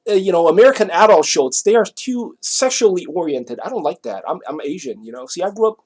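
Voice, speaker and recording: High-pitched and animated yet a little mellow, a middle-aged Taiwanese man with a Taiwanese accent shares a personal story. He talks casually, wandering off, pausing and repeating, and regularly checks whether the listener is following.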